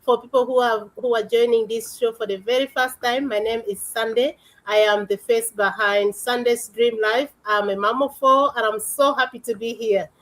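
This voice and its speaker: Cheerful woman co-host, high voice. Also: steady tone, normal speed, hardly any pauses, a bit bright. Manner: grateful, cheerful. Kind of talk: live show hosting.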